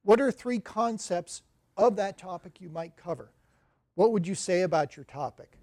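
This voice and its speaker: Male librarian giving a conference talk, high voice, wry and animated. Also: moderate pace. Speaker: academic librarian presenter. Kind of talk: conference presentation.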